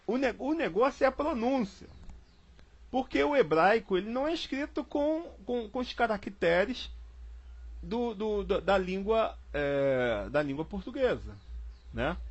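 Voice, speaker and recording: A man from Brazil gives a casual Bible study lesson at an unhurried pace, repeating himself and spelling words out letter by letter. His voice is fairly high and swings up and down a lot. The sound is dull and lo-fi, as if over an online call. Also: slightly rough.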